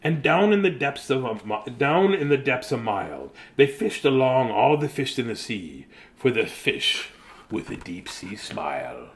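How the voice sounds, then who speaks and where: In a medium-pitched, unhurried voice, a middle-aged storyteller reads a children's bedtime story with a silly, sing-song lilt. Every so often he breaks off to toss in a joke.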